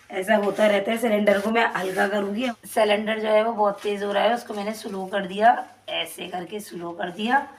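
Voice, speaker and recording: Cooking in her kitchen at night, a Pakistani vlogger talks casually and piously to her viewers in a medium-pitched voice. The sound is roomy, the mic distant, and there is a little hiss or hum.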